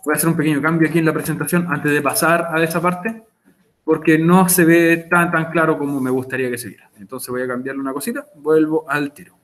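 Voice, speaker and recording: A man's voice: a little high, level tone, fast. A man with a Chilean accent teaching an online English class. He explains patiently, repeats the key points and chats with his students over a video call.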